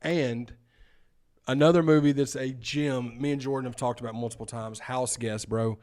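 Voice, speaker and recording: A man's voice: mid-range voice, fairly even intonation, moderate pace, darkish tone. A young man co-hosting a podcast, talking in an enthusiastic, slangy, rambling way. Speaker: podcast co-host. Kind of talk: casual chat.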